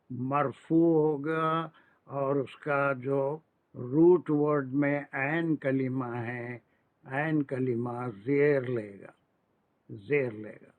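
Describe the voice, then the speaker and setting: A man's voice: medium pitch, no echo. A man teaching grammar in an online class, patiently drilling verb forms and slipping into English phrases. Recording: dry, tinny phone-like audio.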